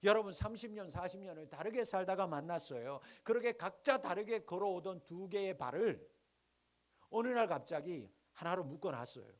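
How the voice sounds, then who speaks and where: Lively preaching pastor, high voice. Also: male voice, normal speed. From Gyeongsang region, Korea. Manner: rhetorical questions to the congregation, lively swings between loud and hushed. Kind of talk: sermon.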